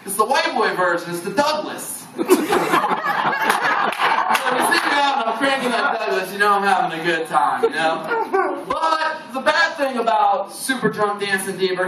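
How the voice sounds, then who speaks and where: Man, stand-up comedian, high lively voice, chuckles as he talks, echoey lounge, heard from a distance. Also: normal speed. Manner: animated, laughs through his own lines. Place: bar lounge. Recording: echoey room from far off, noisy crowd.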